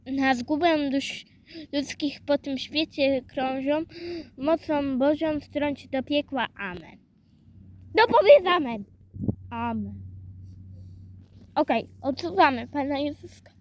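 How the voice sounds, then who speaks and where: A woman's voice: high-pitched, fairly bright tone, slight background noise. A woman playing with toys, praying aloud, singing and calling out to them in a playful, sing-song, coaxing way. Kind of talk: playful play-acting with toys.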